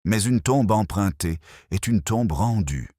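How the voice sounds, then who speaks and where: A man reading the lines of a shrewd, calm elderly woman detective in a storybook tale, speaking gently and measured. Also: fairly low pitch, dry recording, studio quality, voice pushed up. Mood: quietly firm.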